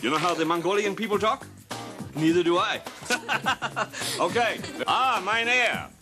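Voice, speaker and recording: Playful man hosting kids' TV, higher voice, exaggerated delivery over music. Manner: exaggerated, jokey, drawn-out words. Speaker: presenter. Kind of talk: playful comedic teaching. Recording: music behind voice.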